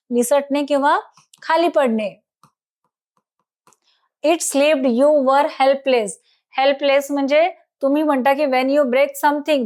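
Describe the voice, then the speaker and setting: High-voiced woman teacher. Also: a little mellow. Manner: reads English lines slowly, then translates and explains. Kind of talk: English lesson explained in Marathi.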